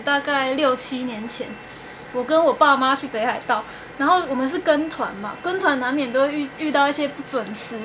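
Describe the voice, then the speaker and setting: A young woman hosting a podcast, telling travel stories in casual chat and laughing often. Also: high voice. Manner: giggly storytelling, laughs often. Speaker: podcast host. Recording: faint fan noise.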